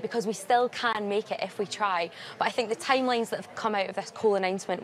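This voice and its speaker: A woman's voice: medium pitch, a little hiss or hum. Earnest young woman on the news. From Glasgow, Scotland. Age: young adult. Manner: earnest, steady and articulate, stressing urgency. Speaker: climate campaigner, guest. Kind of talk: live TV news interview. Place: at a large climate summit venue.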